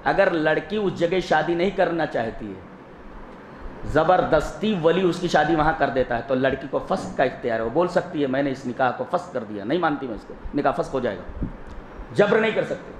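Emphatic, lively-voiced male Islamic scholar. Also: high-pitched, reverberant, slight background noise, poor audio. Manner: emphatic, asks and answers his own questions. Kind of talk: religious lecture on family law.

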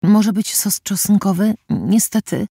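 A shy young waitress in an audiobook, put on by a male narrator, her voice lifted higher and soft with nerves. She answers hesitantly and quietly, as if afraid to be heard. The recording is close and dry. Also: normal speed, husky, dry recording. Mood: timid. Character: young pizzeria waitress, timid and frightened.

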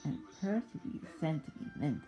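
A woman narrating a children's train story, reading in a halting, stumbling way. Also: low-pitched, very animated, music in the background, rough recording.

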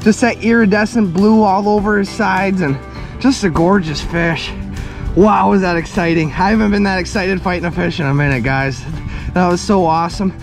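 A young man hosting a fishing vlog from a small boat outdoors, talking excitedly to viewers. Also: high-pitched, normal speed, over music. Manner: excitable, shouts and laughs when a fish bites. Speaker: fishing channel host. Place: small boat on a river below a dam, outdoors.

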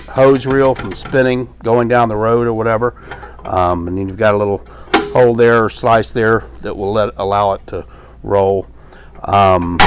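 In a small indoor workshop with shelves of tools, a middle-aged man teaches pressure washing through a hands-on equipment demonstration. He speaks casually in a mid-range voice, using fillers and restarting sentences as he works, and the recording has a little hiss or hum.

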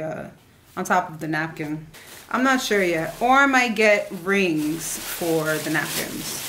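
Her voice is on the low side yet a bit bright, and the recording carries a faint hiss or hum. The young adult woman rambles casually to camera about a shopping haul in her living room, often trailing off mid-sentence.

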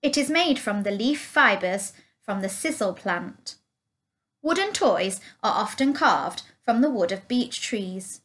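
A woman reading a children's picture book aloud, slowly, clearly and carefully. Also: medium pitch, expressive, a bit bright. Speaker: storyteller.

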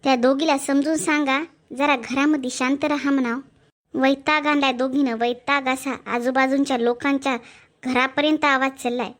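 A woman's voice: sits high, little pitch movement, normal speed, voice pushed down, lightly acted. Woman doing a fretful older mother-in-law. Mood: fretting. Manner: fretful, scolding. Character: worried older mother-in-law, head of house. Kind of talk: cartoon family drama voice acting.

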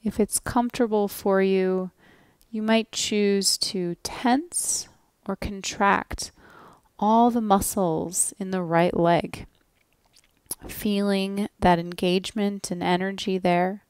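With long pauses between her gentle, calming cues, a female yoga nidra teacher walks listeners through relaxation very slowly. Her intonation stays fairly even, her medium-pitched voice is smooth and clear, and the close, dry recording has no echo.

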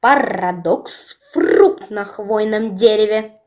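A woman reading a storybook aloud, voicing a pompous older crow who lectures the others in a lowered, commanding voice. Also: takes it slowly, close to an everyday voice. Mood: stern. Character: stern old know-it-all crow.

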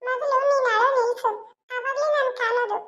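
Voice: very high voice, fairly even intonation, a little fast, fairly bright tone, soft background music. Eerie singsong cartoon ghost, tinny phone-like sound. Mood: soothing. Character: restless ghost seeking peace, gentle and helpful. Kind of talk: cartoon voice acting.

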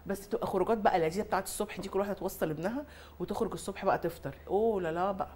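Fast-talking Egyptian woman, comic and animated. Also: medium pitch. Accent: Egyptian Arabic. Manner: animated storyteller, mimics other mothers, laughs often. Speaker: guest influencer and mother. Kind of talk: comic casual chat.

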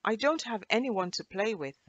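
A woman reading aloud in a high, childlike voice as a little girl at Christmas in a children's storybook. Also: animated, moderate pace, fairly bright tone, no room sound, muffled recording. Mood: pleading.

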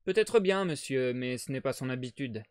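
A man voicing a vigorous, worried boatman's wife and mother, in a loud, high, pleading voice. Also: animated, normal speed, clear, resonant tone, no room sound, close to an everyday voice.

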